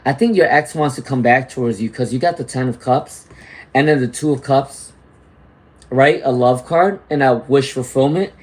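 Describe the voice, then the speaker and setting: At normal speed and in a mid-range voice, a male tarot reader works through a live session. He reads out what viewers write, greets those in the chat, and often asks "all right?" or "okay?"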